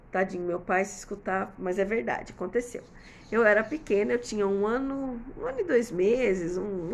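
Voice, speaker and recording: A woman's voice: mid-range voice, vocal fry. A woman in her fifties gives casual parenting advice to viewers, chatting with lots of "né?" tag questions and everyday examples. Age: 50s. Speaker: host answering viewer comments.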